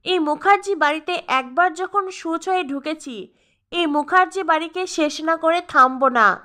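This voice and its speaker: A man's voice: extremely high pitch, a little slow, pushed and bright, exaggerated voice. A woman reading the lines of a scheming middle-aged man who is menacing and falsely sweet.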